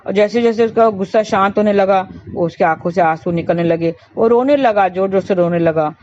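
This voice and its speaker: A woman's voice: medium pitch, brisk, darkish tone, slight background noise. A woman telling a moral story in a preachy, repetitive way and addressing listeners as friends, in a slightly dull recording. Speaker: astrologer and storyteller.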